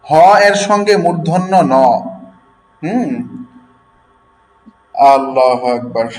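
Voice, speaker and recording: A man with a slightly raised voice teaches pronunciation at a very slow, deliberate pace. He breaks words into syllables and keeps asking whether the class follows. Faint music plays in the background. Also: a little high, low-quality recording. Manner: slow, drills words syllable by syllable, checks understanding. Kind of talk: classroom lesson.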